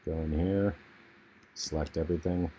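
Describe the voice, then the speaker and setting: A man recording a laid-back software walkthrough in an untreated room on a low-quality built-in computer mic, talking casually with frequent fillers. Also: fairly even intonation, moderate pace, slight background noise. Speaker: music production tutorial host. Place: untreated room in a family home. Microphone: internal computer mic.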